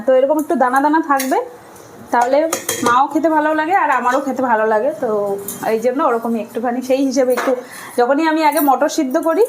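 A woman's voice: high voice, a little hiss or hum, low-quality recording. A woman chatting to viewers as she cooks in her home kitchen. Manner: chatty, talks to viewers while cooking. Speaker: cooking vlogger. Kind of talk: casual cooking narration. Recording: kitchen clatter behind voice.

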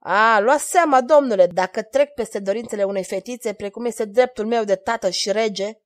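A woman's voice: mid-range voice, dry recording, close to an everyday voice. A proud aging king who gives orders and raises his voice when angered, as a woman reads him in an audiobook. The voice has a dry, close sound with almost no room around it. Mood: furious. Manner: commanding, raises voice in fury.

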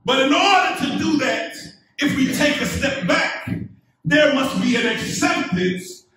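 A middle-aged pastor preaches in a medium-sized church sanctuary, speaking in slow, deliberate phrases with a voice pitched unusually high for a man. His tone is animated, bright and forceful, and he climbs to emphatic peaks that draw call-and-response. Recorded from a distance, the sound is heavily echoey, as if heard from the back of the room.

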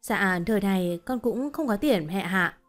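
A woman voicing a dutiful pregnant young wife in a told story, soft and polite. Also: medium pitch, animated, a little slow, soft background music, natural voice. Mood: meek.

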